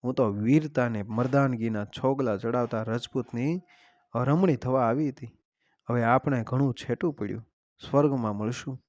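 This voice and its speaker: A man's voice: mid-range voice, normal speed, a little mellow, dry recording, natural voice. A man voicing a fierce, proud Rajput queen. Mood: anguished. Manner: scornful, declamatory.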